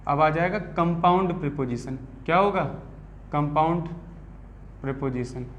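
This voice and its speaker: A man from India with a Hindi accent, teaching a grammar lesson in class and constantly quizzing his students with quick questions. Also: on the high side, slight background noise. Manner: keeps asking the class quick check questions.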